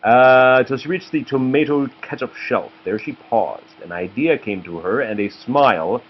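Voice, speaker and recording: A man with a mid-range voice reads a picture book to his children at a moderate pace, like a patient father who pauses to explain words and answer their questions. The home recording sounds dull, with faint background noise.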